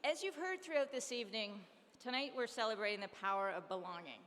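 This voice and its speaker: A woman hosting a fundraising dinner, briskly calling auction bids and coaxing donations in an upbeat, persuasive way. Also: fairly high pitch, expressive, fairly bright tone. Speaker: charity auctioneer and fundraiser host. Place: large hall at an awards dinner. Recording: long reverb hall, faint room noise.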